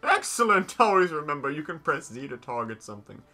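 A man's voice: fairly high pitch, sing-song, fairly quick, pushed and bright, faint music behind, exaggerated voice. A man voicing an eager, friendly villager giving cheerful instructions in a video game.

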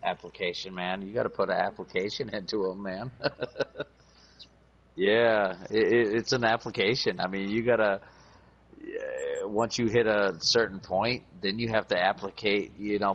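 Husky, cussing hunting guy. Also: lowish voice, moderate pace, a bit bright. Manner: rambling, profane, stumbling restarts. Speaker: hunting channel host. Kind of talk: casual chat while hunting. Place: outdoors at dusk.

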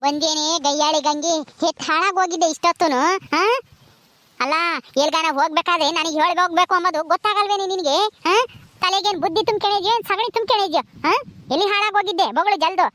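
A woman's voice: very high voice, fairly even intonation, fast talker, dry recording. Woman doing a drunk bossy mother-in-law. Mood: scolding. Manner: shouting, taunting, slurred bluster. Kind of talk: village comedy skit.

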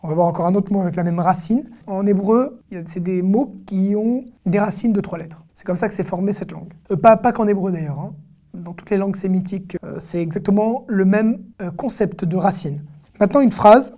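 A woman's voice: medium pitch, brisk, dark tone. A woman giving an online language lesson as a teacher, patiently sounding out each word syllable by syllable and repeating it. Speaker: Hebrew teacher.

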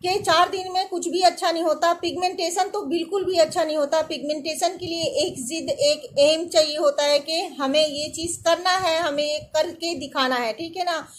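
A woman's voice: extremely high pitch, steady tone, moderate pace, few pauses, slight background noise. A woman in her thirties talks casually to her viewers from an indoor room, giving earnest, reassuring skincare advice and often asking if they follow. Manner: earnest, reassuring, often adds "theek hai na". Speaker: beauty and skincare vlogger.

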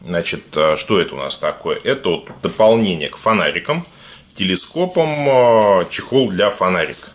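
A man with a speech impediment on his R sounds, giving casual, halting unboxing commentary to viewers as a video blogger. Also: deep voice, lively intonation. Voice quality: burr, defective pronunciation of the R sound. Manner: halting, conversational, addresses viewers informally. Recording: clear background noise with clicks.

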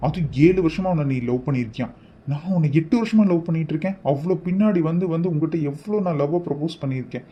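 A man's voice: on the high side, fast talker, slightly rough, muffled recording. A man voicing an obsessive male kidnapper in a cartoon, who talks in a wheedling, possessive way, scolding and then pleading. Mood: insistent. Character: obsessive male kidnapper pressing a married woman to wed him. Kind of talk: animated cartoon voice acting.

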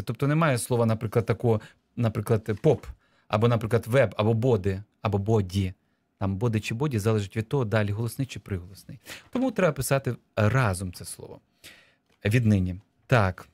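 Male radio teacher, middle pitch, dry studio sound, patient and explanatory, dictates key words slowly. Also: darkish tone, no echo. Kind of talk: radio lesson explaining spelling rules.

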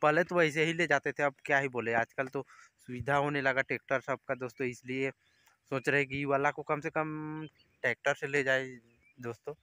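A young man narrates a casual village vlog out in open farm fields, holding his phone's selfie camera at arm's length. His medium-pitched voice is bright, forceful and smooth, moving at a moderate pace with fairly even intonation. He's chatty and keeps calling his viewers friends.

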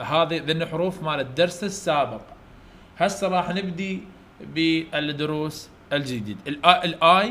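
Teaching little ones online, this man from Iraq speaks with an Iraqi Arabic accent in a fairly bright voice that sits slightly high for a man. He is encouraging and repetitive, coaxing the children to say every letter back and praising them repeatedly.

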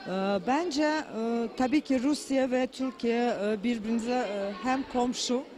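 A woman answers an interviewer in halting, broken Turkish, speaking into a handheld microphone. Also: a little high, a little mellow, slight background noise. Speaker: association president, Russian teacher. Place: indoor event venue. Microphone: handheld reporter microphone.

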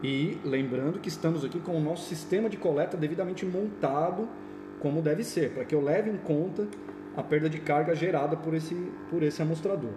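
A man with a Brazilian accent and a voice on the high side speaks briskly, walking through an informal, step-by-step equipment demonstration. His explanatory talk is recorded in an indoor office or lab, with background noise.

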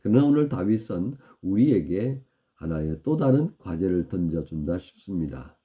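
A man's voice: deep voice, very animated, moderate pace, narrow, tinny audio. A male pastor preaching a sermon, emphatic and full of rhetorical questions to the congregation.

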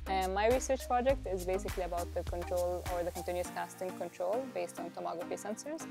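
Young woman from Egypt, PhD student, gravelly low tone; music bed. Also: fast. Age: young adult. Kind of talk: interview.

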